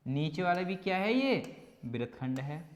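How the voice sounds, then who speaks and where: A maths teacher talks his students through a lesson in a slightly high voice. He keeps firing questions at the class and answering them himself. A long reverb trails behind him, as if he is in a roomy hall. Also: very animated, unhurried. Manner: motivating pep talk to students. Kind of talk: whiteboard exam-prep lesson.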